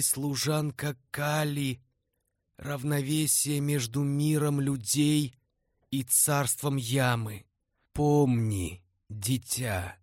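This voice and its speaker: A man voicing a dying old woman, a fierce former temple dancer, with a slow, solemn, prophetic delivery. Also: medium pitch, dry recording, clean studio sound, lightly acted.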